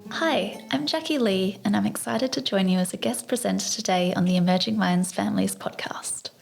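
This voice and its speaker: A woman hosting a podcast, reading a measured introduction and asking questions. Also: medium pitch, vocal fry, music in the background. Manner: warm, measured, scripted introductions. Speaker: guest host. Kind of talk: podcast interview.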